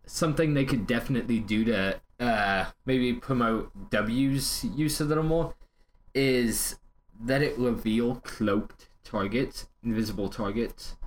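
A man's voice: mid-range voice, measured pace, a little hiss or hum. A man hosting a casual gaming podcast with playful, joking banter. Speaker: podcast host.

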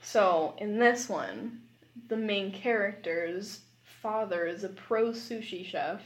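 A woman guesting on a podcast chats casually with a friend in a comedic way, giggling, exclaiming and sounding incredulous. Her voice is medium-pitched and slow, and the audio quality is poor.

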